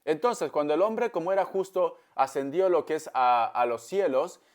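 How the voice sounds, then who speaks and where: A man's voice: on the high side, moderate pace. A man giving a tarot reading, telling a parable and calling the listener darling, with frequent talk of God. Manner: calls the listener "darling" often, preachy storytelling; religious, invokes God often. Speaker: tarot reader. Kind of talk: tarot reading monologue to camera.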